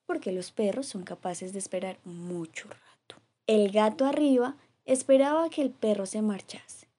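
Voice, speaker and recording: A woman reading a children's story aloud in a gentle, rhythmic way. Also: on the high side, husky. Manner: gentle, rhythmic, lively read with repeated refrains.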